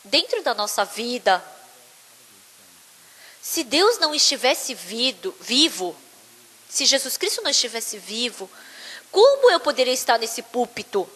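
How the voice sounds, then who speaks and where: A woman's voice: fairly high pitch, measured pace, long pauses, slightly rough. A woman telling a story as part of a sermon in a church, acting out the quotes with energy. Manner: lively, acts out quotes. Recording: long church hall reverb.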